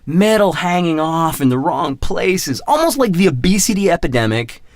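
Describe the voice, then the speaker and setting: A man's voice: a little high, very animated, moderate pace, no echo, clean studio sound. A man in his thirties hosting his own podcast in a casual, rambling monologue, mocking himself and repeating his words. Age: 30s. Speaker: podcast host.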